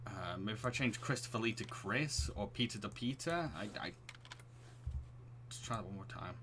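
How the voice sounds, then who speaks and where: Chatty bright-voiced man streaming a game. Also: on the low side, animated, normal speed, slight background noise. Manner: chatty, restless, laughs often. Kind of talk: live-streamed game play with reading aloud.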